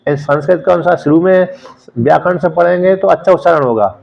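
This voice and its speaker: Man, scripture teacher, explanatory lecture, gravelly, medium pitch, muffled lo-fi sound. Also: brisk. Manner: explanatory, repeats words to drill pronunciation. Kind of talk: lecture on a Sanskrit text.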